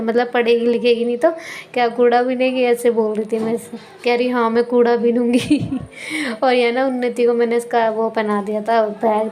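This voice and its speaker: A young mother and vlogger narrates a home vlog voice-over, rambling and correcting herself as she chats. At one point in the clip she scolds loudly at a high pitch.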